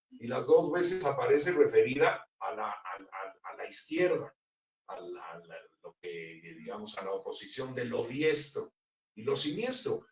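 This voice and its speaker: Man presenting a book, musing and halting, heard from afar in an echoey room. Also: medium pitch. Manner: thoughtful, hesitant with many fillers and restarts. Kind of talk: literary talk at a book launch. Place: bookstore event room. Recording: roomy, picked up from a distance.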